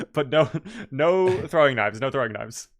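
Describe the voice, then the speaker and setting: A man with a medium-pitched voice hosts and calls a video game match. His commentary is casual and chatty, full of joking banter. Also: expressive, slow. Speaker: esports match host and commentator.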